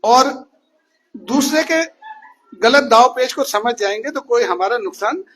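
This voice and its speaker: A man's voice: extremely high pitch, measured pace, fairly bright tone, slightly rough. A male teacher telling a story to children in class, often asking them questions as he goes. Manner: asks questions to the listeners.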